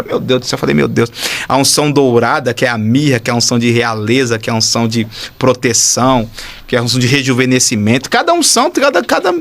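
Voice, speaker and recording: A Brazilian man, a pastor, telling a testimony in an excitable, animated way, with shouts and sound effects. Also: mid-range voice. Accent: Brazilian Portuguese. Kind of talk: animated testimony in casual chat.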